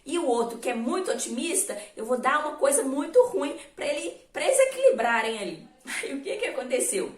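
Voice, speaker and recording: A woman's voice: high-pitched, very animated, a little fast. A woman, a weight-loss coach telling stories in a casual motivational talk. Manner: chatty storytelling with laughs. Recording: echoey room, distant mic.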